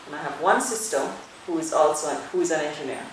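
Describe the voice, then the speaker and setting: A middle-aged woman from Jamaica, a dermatologist, answers interview questions in a low voice. She talks in a measured, thoughtful way, pausing on fillers. The recording sounds strongly echoey, with faint noise behind her. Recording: very echoey room with faint ambience.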